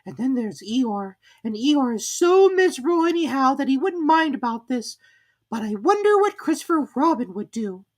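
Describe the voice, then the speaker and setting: Storybook piglet, played by a woman: small timid male, thin high squeak, anxious and childlike. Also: big pitch swings, normal speed. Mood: musing. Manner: fretful, earnest, childlike.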